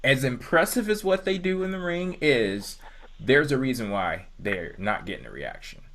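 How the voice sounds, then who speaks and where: A man hosting a call-in talk show, calmly steering the callers with dry remarks. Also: mid-range voice, moderate pace. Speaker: host.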